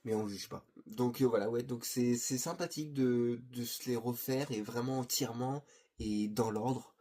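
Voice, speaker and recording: A middle-aged man chats casually in a warm, mellow voice with a husky edge. He hesitates often, restarting his sentences and padding them with fillers. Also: medium pitch, steady tone, moderate pace. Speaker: video host presenting his Blu-ray collection. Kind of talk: casual chat.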